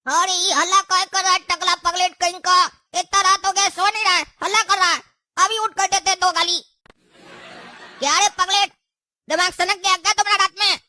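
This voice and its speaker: A woman's voice: steady tone, moderate pace, pushed and bright, dry recording, studio quality. A woman, playing an insulting son woken at night in a comedy sketch. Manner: shrill, insulting.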